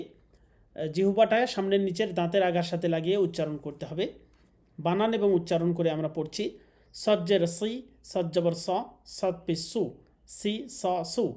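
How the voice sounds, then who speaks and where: Brief: male Quran-reading teacher, Bangladeshi Bengali accent, high, soft tone, slow drawn-out letter drills. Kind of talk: online class lesson.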